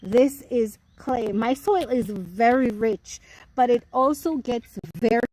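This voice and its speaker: A woman's voice: on the high side, slow pace, a little mellow, dry recording, low-quality recording. A woman giving a casual, chatty live tour of her home vegetable garden outdoors, explaining things to viewers as she goes and speaking into a phone.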